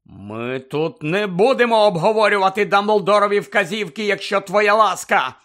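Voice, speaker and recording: A man's voice: on the high side, unhurried, fairly bright tone. A man voicing an impatient grown man who answers coldly and with restraint. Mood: tense. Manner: cold, clipped, restrained.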